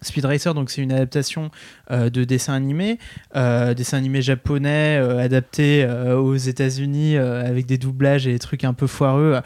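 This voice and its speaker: A French-speaking man leads a relaxed film chat, stopping often to search for the next word. His voice sits at a middle pitch. The sound is dry and close. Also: moderate pace, dry recording. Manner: hesitant, many fillers and restarts. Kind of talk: casual film discussion.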